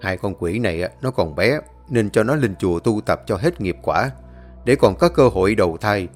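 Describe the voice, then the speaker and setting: A man playing a stern old exorcist who gives gruff, commanding orders. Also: on the low side, lively intonation, moderate pace, soft background music. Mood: calm. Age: older. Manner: commanding, scolding.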